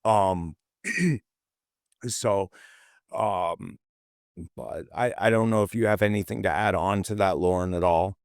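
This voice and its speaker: A man co-hosting a motivational talk, earnest and full of fillers and restarts, a little hoarse as he loses his voice. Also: sits low, slow pace, pauses often, no room sound, studio quality. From California. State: losing his voice a bit. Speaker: podcast co-host.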